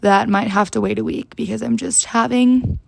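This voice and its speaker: A young woman hosting her podcast with a hoarse, gravelly rasp to her voice. She rambles in a chatty, casual way, dropping "like" constantly. The sound is close and dry. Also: a little high, fairly even intonation, moderate pace, darkish tone, no echo. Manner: chatty, rambling, heavy use of "like". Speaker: podcast host. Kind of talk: casual solo chat.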